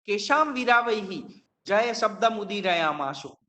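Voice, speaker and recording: A male professor teaching a Sanskrit verse, quizzing his students and slowly repeating each word. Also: sits high, animated, crowd noise. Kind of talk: classroom lecture on Sanskrit verse.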